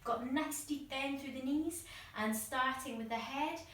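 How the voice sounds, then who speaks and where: A female workshop instructor guides participants encouragingly, step by step, demonstrating as she talks. Her voice is high, a bit bright, and a little slow. She is distant from the mic, and the room echo is heavy.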